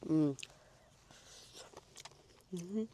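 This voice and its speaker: Low-pitched woman eating crunchy fried chicken. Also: extremely slow, noisy background. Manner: casual, sweary. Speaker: mukbang co-host. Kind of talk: casual food chat while eating.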